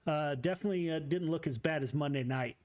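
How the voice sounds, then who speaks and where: Race broadcaster, male, slightly high voice, halting delivery with lots of fillers. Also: darkish tone. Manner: halting, many uh fillers and restarts. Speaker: race league broadcaster interviewing drivers. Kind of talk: post-race interview and announcements.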